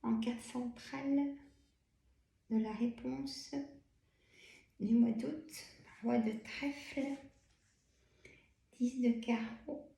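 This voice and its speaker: A woman's voice: fairly high pitch, steady tone, very slow, vocal fry, pauses often, echoey room. Tired, chatty French woman reading cards. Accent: Burgundy French. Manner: chatty, filler-heavy, frequent "hein" and soft laughs. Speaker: tarot card reader. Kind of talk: casual card-reading video.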